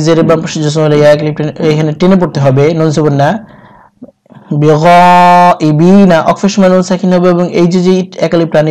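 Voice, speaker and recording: A man teaching Quran reading, spelling out letters and vowel marks in a steady, methodical way, then reciting each phrase slowly and melodically. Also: fairly high pitch.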